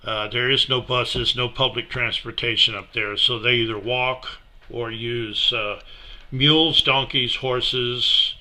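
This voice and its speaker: Middle-aged man, very bright voice, relaxed slideshow talk, lots of uh and um. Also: medium pitch. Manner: relaxed, unhurried, many fillers. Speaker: missionary presenting a slideshow. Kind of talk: casual slideshow presentation.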